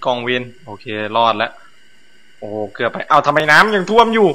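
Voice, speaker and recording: A male gameplay host playing a horror game, loud and jokey, swearing and shouting at the characters on screen. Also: mid-range voice, sing-song, brisk.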